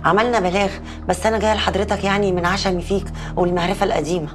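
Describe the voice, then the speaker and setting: A woman's voice: medium pitch, fairly even intonation, racing, music in the background, lightly acted. An actress in a TV comedy playing a working-class Egyptian young woman who reports her missing brother to an officer. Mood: earnest. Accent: Egyptian Arabic.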